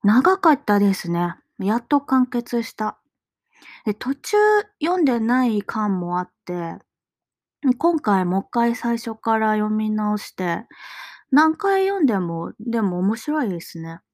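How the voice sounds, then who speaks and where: A woman talking alone in a relaxed monologue about her reading, musing aloud and dropping into soft, near-whispered asides. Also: mid-range voice, unhurried, no room sound, clean studio sound. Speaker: solo podcaster. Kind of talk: casual reading-log monologue.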